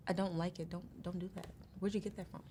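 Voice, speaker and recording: A woman's voice: on the low side, flat delivery, quick pace, warm tone, slight background noise, lightly acted. A woman playing a blunt, sarcastic young podcaster who swears freely. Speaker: podcast co-host. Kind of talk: comedy sketch.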